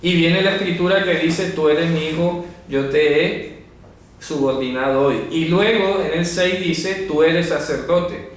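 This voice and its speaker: A man's voice: fairly high pitch, measured pace. A man teaching a Bible lesson at a board. He explains things carefully and keeps asking his listeners whether they follow. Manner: explanatory, asks listeners rhetorical check-in questions. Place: room with a writing board. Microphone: camera mic from a distance. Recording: very echoey room, mic far off, faint noise.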